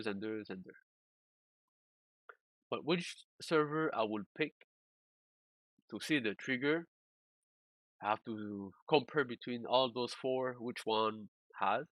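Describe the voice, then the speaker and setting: A male streamer explaining game data analysis in a casual live-stream walkthrough, halting, repeating words and using loose, non-standard English phrasing. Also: mid-range voice, dry recording, muffled recording.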